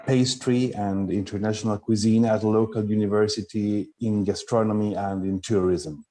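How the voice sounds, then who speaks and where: A man from Chile who teaches cooking, answering questions over a video call in a measured, thoughtful way with frequent fillers. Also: fairly low pitch, fairly even intonation, mellow. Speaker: culinary instructor. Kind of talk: online meetup interview.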